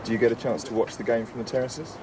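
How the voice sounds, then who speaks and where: A man's voice: medium pitch, steady tone, quick pace. A man working as a reporter, narrating a documentary and asking interview questions. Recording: clear outdoor traffic noise.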